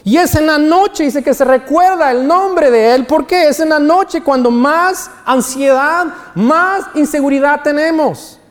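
A man's voice: extremely high pitch, a little slow, hardly any pauses, big-room sound. A man preaching a sermon in as pastor, explaining scripture point by point. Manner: preaching with sung quotes of songs.

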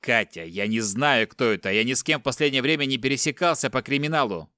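A man's voice: mid-range voice, lively intonation, normal speed, sharp tone, no room sound. A man playing a firm middle-aged oligarch. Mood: soothing. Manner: firm, reassuring, commanding. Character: tough middle-aged oligarch father, bound captive.

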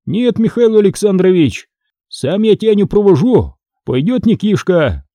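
A man voicing a bold, mocking blacksmith master held in chains, talking loud and scoffing. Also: sits high, very animated, moderate pace, no room sound, pitched above the performer's own voice. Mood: defiant.

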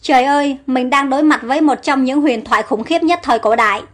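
A woman's voice: high-pitched, quick pace. A woman voicing a frightened young heroine who cries out in fear, in a read-aloud story. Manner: fearful, exclaiming.

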